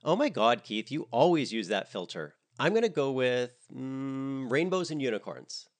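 A man's voice: mid-range voice, sing-song, normal speed, voice pushed up. A man voicing a bubbly young woman tourist who gushes in a sing-song way.

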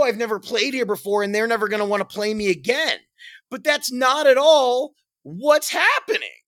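Young male comic, earnest monologue, bright and very animated delivery. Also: sits high, no echo. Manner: animated, earnest, swings between loud bursts and quiet. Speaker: stand-up comedian. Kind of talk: reflective monologue.

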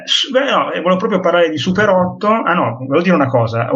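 A man chatting casually on a group call, rambling and swearing offhandedly, heard over a muffled online call line. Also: mid-range voice. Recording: dull lo-fi call audio.

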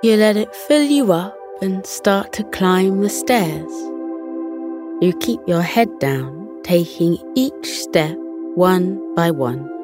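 A woman gently narrating a children's bedtime meditation and story in a soothing, coaxing, unhurried way. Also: fairly low pitch, expressive, music in the background.

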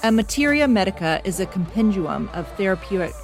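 A woman's voice: medium pitch, expressive, a little fast, music in the background. A woman podcast host and history teacher chatting casually in an outtake, recorded muffled under a blanket at home, laughing at her own slips.

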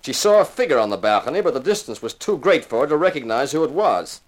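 Here the same 1950s radio investigator, a wisecracking insurance man telling his own case, comes through in a natural, medium-pitched voice that swings widely in pitch at a quick pace. The delivery is deliberate and firm, with a hard-boiled, sardonic, commanding edge.

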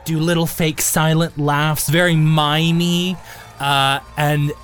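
A man with a slightly high voice narrates a tabletop game as its game master. He describes scenes haltingly, pausing and stretching words, over faint background music. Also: level tone, fairly bright tone.

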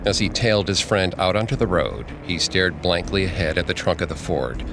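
A man narrating a scripted true-crime story in a steady, grave manner. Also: low-pitched, brisk, gravelly, music in the background. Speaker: podcast narrator.

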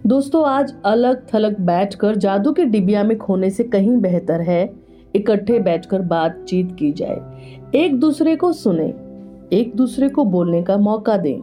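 A woman's voice: mid-range voice, dark tone. A woman giving scripted narration in a lyrical, folksy storytelling manner.

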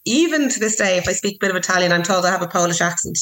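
Talking fast and expressively, an Irish woman in her thirties chats as an interview guest about her work as a wine professional. Her pitch sits fairly low with a slightly bright edge, and she restarts often and uses many fillers. Audio quality is poor.

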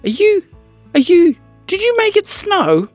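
A man doing a hesitant excited little boy. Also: measured pace, faint music behind. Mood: eager. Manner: hesitant, lots of ums, high and excited. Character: curious young boy, eager and hesitant.

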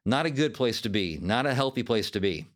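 A man's voice: mid-range voice, brisk. A man hosting a solo self-help podcast, talking emphatically and sometimes acting out the voices he describes. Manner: animated, emphatic, acts out quoted inner voices. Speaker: podcast host.

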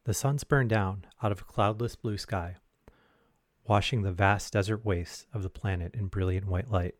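A man with a low voice narrates in a soft, soothing, mock-serious tone, like a parody guided meditation. The sound is dry and close, with no room around it. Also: normal speed, dry recording. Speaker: podcast host and narrator.

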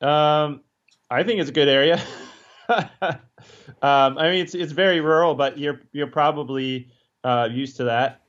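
A man who is a guest on a podcast, speaking hesitantly, with many pauses and restarts. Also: a little high, fairly bright tone. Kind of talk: casual interview chat. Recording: dull lo-fi sound.

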